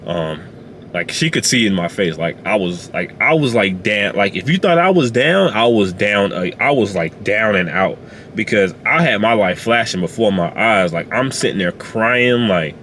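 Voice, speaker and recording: A man sharing a personal testimony in a car, speaking haltingly with many fillers and restarts. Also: fairly low pitch, animated, a bit bright, slight background noise. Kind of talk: emotional personal storytelling. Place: inside a parked car.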